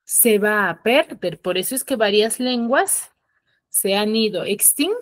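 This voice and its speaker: A woman teacher from the highlands, giving an online class and checking in with her students through frequent tag questions. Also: expressive, unhurried. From Peruvian highlands.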